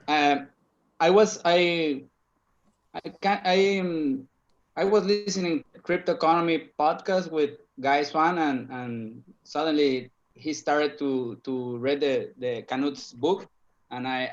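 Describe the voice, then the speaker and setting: A man calling in over a bad internet connection, speaking casually in a halting way and often repeating words. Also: medium pitch. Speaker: call-in guest. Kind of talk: casual chat. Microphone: online call. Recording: lo-fi call-in audio over a weak connection.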